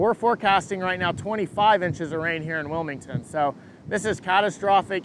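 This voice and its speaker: A man giving an unscripted live weather update as a forecaster, answering questions in a halting way and repeating words as he thinks. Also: a bit bright, rough recording. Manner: hesitant, halting, repeats words mid-thought. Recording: engine rumble and wind noise.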